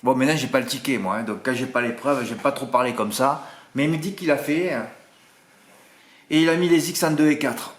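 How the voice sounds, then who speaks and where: Speaking briskly in a mid-range voice, a Marseille-accented man from southern France rambles casually as a horse racing tipster. He's chatty and self-deprecating, with little asides tagged onto his lines. The casual monologue was recorded in an echoey room.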